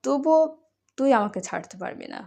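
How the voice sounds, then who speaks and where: A woman's voice: fairly high pitch, animated, moderate pace, vocal fry, a little mellow. A woman voicing a devoted, teasing young husband in a romantic audio story, tender and coaxing.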